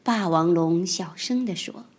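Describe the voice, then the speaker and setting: A woman reading a children's picture book aloud, with expressive storytelling. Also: fairly low pitch, unhurried, husky.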